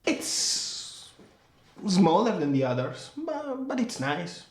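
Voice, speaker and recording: A young actor playing a blunt younger brother in a horror film, sarcastic and quick to swear. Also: male voice, high-pitched, very animated, echoey room, full character voice. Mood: joking. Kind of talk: film acting.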